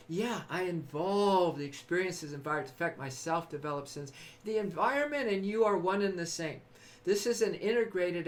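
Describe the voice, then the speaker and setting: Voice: medium pitch, a bit bright. Effusive, laughing live-stream host. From California. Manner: effusive, laughs often, repeats phrases; addresses viewers by name. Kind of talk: spiritual motivational live-stream talk.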